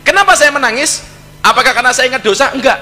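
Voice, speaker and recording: A man with a Javanese accent gives a joking, story-filled sermon in a voice that is high and very bright. His words ring out with a long reverb behind them, and he keeps mixing in Javanese. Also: expressive, quick pace. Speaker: preacher. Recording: hall reverb.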